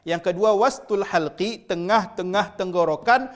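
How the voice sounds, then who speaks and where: A man's voice: sits high, a little slow. A man teaching Arabic letter pronunciation, patiently drilling syllables aloud and repeating each sound. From Indonesia. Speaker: Quran recitation teacher.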